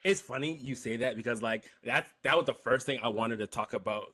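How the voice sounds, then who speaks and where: A man's voice: mid-range voice, brisk, a bit bright. A young man co-hosting a podcast, chatting casually, rambling and correcting himself, laughing often. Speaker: podcast co-host. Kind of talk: casual chat.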